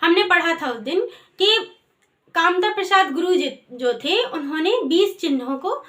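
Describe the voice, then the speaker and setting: A woman's voice: very high-pitched, animated, moderate pace, pushed and bright. A woman teaching an online grammar lesson. She asks questions and answers them herself. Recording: echoey room, voice far from mic.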